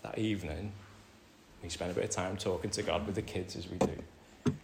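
A man's voice: low voice, fairly even intonation, normal speed, a little hiss or hum. Roomy British male preacher. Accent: British English. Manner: conversational preaching, calls the congregation "folks"; swings between loud emphatic lines and soft quiet ones. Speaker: pastor. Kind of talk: sermon. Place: church hall. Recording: roomy church hall with faint ambience.

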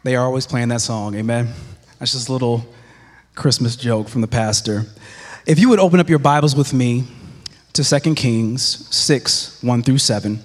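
A man's voice: medium pitch, normal speed. A man preaching a Christmas Eve sermon as pastor, with a humorous, conversational style. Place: church sanctuary. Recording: long church reverb.

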